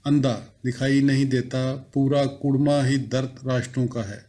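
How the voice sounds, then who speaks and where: A man reading a novel aloud, voicing a lively village woman who speaks in a teasing, exclamatory way. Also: medium pitch, measured pace, natural voice.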